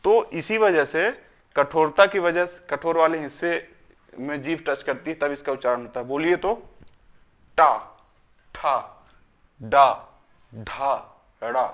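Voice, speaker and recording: A man's voice: a little high, moderate pace. A man teaching a grammar lesson. He asks questions, answers them himself and drills syllables aloud, often checking in with "is it not?".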